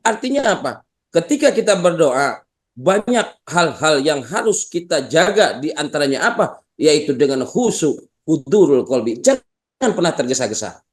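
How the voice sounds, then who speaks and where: A man preaching a sermon with an Indonesian accent, lively and humorous, weaving in Arabic phrases. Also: a little high.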